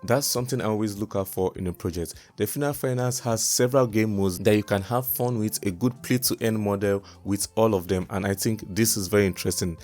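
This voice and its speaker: A man's voice: fairly low pitch, fairly quick, hardly any pauses, darkish tone, soft background music. A man presenting a promotional crypto review vlog in the manner of a crypto bro, making repeated, emphatic selling points. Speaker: crypto YouTube host. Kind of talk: scripted-style vlog narration, promotional review.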